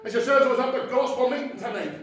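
A Northern Irish man, a pastor preaching an impassioned sermon that swings from soft asides to shouted exclamations. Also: very high-pitched, very fast. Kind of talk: fiery Pentecostal sermon. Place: church hall. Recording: very echoey hall from far off.

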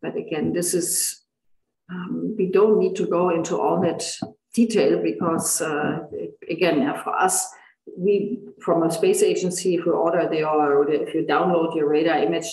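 A man lecturing on radar imaging in a halting, informal way, full of fillers and restarts, his voice tired. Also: fairly high pitch, darkish tone, roomy sound, poor audio. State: tired voice, throat clearing. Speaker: university lecturer.

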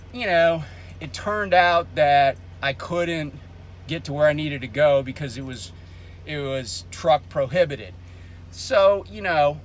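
Parked in his truck cab, a truck driver in his fifties hosts his own vlog, rambling casually with lots of ums in a projecting voice. His voice is a little high and a bit bright. The camera sits on the dash at arm's length, and there's a slight hiss or hum.

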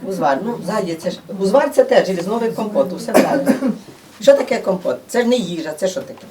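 A woman's voice: medium pitch, lively intonation, fast, a crowd in the background. A woman giving an informal, chatty talk to an audience in a museum room, explaining things with many fillers. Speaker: presenter at a museum gathering. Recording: distant room microphone.

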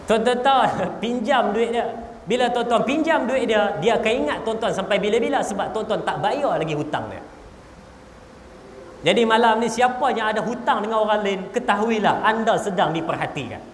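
Male Malaysian preacher, high voice, playful storyteller addressing the congregation, roomy reverberant hall. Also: lively intonation, normal speed, slight background noise. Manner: joking, storytelling, addresses audience directly. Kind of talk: humorous religious lecture. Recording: echoey hall with long reverb.

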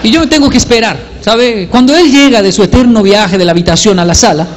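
Animated man telling stories on stage. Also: high voice, fast talker, big-room sound. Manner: animated, acts out voices, self-mocking. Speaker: comedian. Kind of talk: stand-up storytelling.

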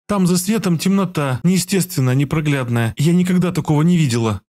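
Man putting on a high shy young healer girl. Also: brisk, lightly acted. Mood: earnest. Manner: high, soft and pleading.

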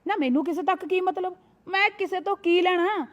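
A woman's voice: extremely high pitch, fairly quick, lo-fi sound. A woman playing a proud young married woman who scolds her sister-in-law, full of sayings. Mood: defiant. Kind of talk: short family drama.

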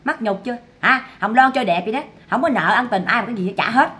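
A woman's voice: on the high side, fast talker, bright, forceful tone. A woman doing gossip commentary to her viewers, scolding and repeating herself for emphasis. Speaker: online commentator.

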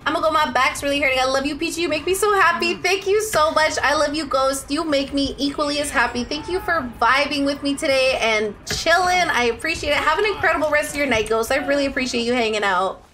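A young woman live streamer from Ontario, Canada, chats through a game from an indoor streaming setup, reading out viewer messages. Her high, bright voice races along with few pauses, animated and playful, full of dramatic outbursts and gushing endearments. A little hiss or hum is audible.

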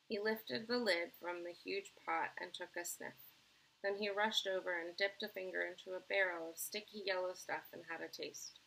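A woman teacher reading a children's book aloud, expressive and friendly, now and then correcting herself. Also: fairly low pitch, gravelly, a little hiss or hum, low-quality recording. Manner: expressive, friendly storytelling with small self-corrections.

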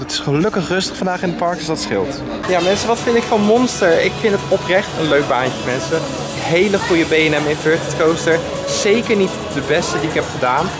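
A young adult man, chatting casually and enthusiastically to viewers as a vlogger, recorded outdoors on a handheld camera. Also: sits high. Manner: enthusiastic, informal, addresses viewers often. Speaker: vlogger reviewing theme park rides. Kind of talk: casual vlog chat to viewers. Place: outdoors in an amusement park. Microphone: handheld camera at arm's length. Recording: outdoor camera audio under prominent music. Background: music.

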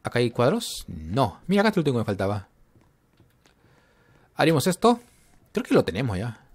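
A man's voice: mid-range voice, wildly swooping pitch, a little fast, slightly rough. A man giving casual gameplay commentary, talking to himself and getting jumpy and scared as he plays. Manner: jumpy, talks to himself while playing.

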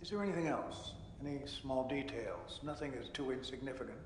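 An actor playing a calm male doctor who questions a patient in a measured, clinical way. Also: medium pitch, slightly rough. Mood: calm probing. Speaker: game character. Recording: game audio in a reverberant room with faint noise.

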